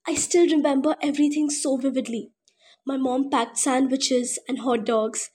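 A woman's voice: sits high, steady tone, normal speed, a little mellow, husky. A woman with a North Indian accent hosting a chatty radio show, talking straight to listeners with questions and mixing Hindi into English. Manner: conversational, addresses listeners with questions. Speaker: radio host.

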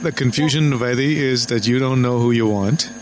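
A man's voice: mid-range voice, normal speed, slight background noise. A man hosting a casual, frank advice chat, speaking bluntly and teasingly. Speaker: host giving relationship advice.

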